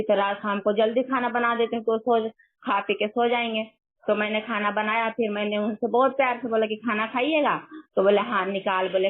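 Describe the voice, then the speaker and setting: A middle-aged woman caller earnestly recounting a painful family episode, often pleading "didi". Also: medium pitch. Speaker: caller asking for advice. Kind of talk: emotional personal account. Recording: tinny online call audio.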